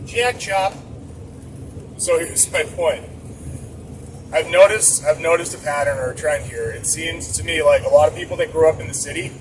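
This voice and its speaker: A man from the Boston area, his voice on the high side, vlogs casually while driving his truck, rambling and chatting as he pokes fun at himself. A camera mounted inside the cab picks him up from a distance, with engine and road noise in the background.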